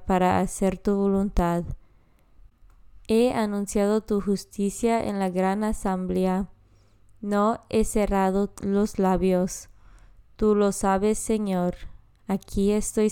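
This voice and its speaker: Slow, smooth-voiced woman reading scripture. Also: medium pitch, level tone, warm tone. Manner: slow, measured, reverent reading. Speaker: podcast scripture reader.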